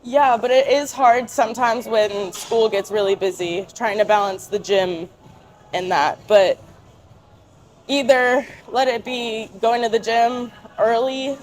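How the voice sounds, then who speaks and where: A young woman with a fairly high voice talks in a casual interview. Her phrasing is informal and youthful, with frequent fillers as she shares her thoughts as a guest. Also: fairly even intonation, measured pace, darkish tone. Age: young adult.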